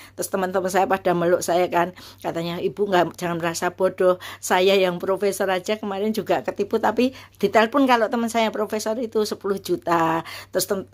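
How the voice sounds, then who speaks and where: A woman shares a personal story in a casual, heartfelt way. Her pitch sits mid-range for a woman. She talks earnestly, with frequent fillers and false starts. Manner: earnest and emotional, many fillers and restarts. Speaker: university lecturer.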